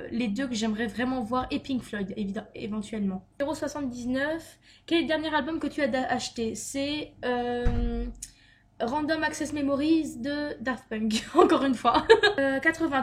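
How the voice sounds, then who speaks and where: A young woman from France chatting through a vlog question list, with many fillers and restarts. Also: sits high. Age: young adult. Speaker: beauty vlogger. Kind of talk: casual Q&A tag vlog.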